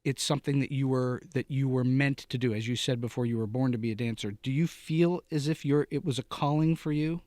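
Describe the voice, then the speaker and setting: Middle-aged host guy, mid-pitch voice, stumbles into his questions, dry studio sound. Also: steady tone, brisk, few pauses, darkish tone, dry recording. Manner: stammering restarts, curious follow-up questions. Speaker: podcast host. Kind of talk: conversational interview.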